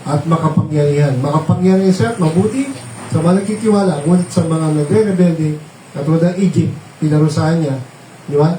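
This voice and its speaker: Male preacher, high and mellow voice, mixes Tagalog and English with frequent tag questions, miked from a distance. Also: brisk, slight background noise. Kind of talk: sermon. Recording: roomy, distant mic, faint ambience.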